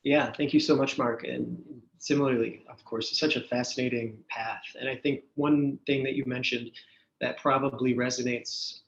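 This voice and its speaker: A man's voice: medium pitch, level tone, moderate pace. A man moderating a panel, polite, thanking speakers and handing over questions. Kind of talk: panel discussion. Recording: echoey, muffled room audio.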